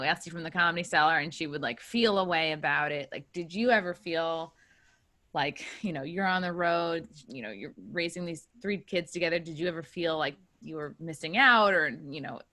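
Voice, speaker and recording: A woman's voice: fairly low pitch, bright, forceful tone. A woman hosting a podcast in casual interview chat, giggly and informal, often trailing off mid-sentence. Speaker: podcast host.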